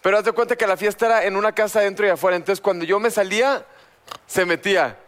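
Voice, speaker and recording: A man's voice: high voice, fast talker. A man with a Mexican Spanish accent in a casual panel chat, telling stories and acting out what people said. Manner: animated storyteller who acts out quotes.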